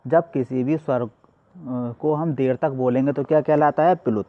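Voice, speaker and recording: A man's voice: mid-range voice, normal speed, no room sound, phone-quality sound. A male teacher giving a classroom lesson, asking questions and answering them himself.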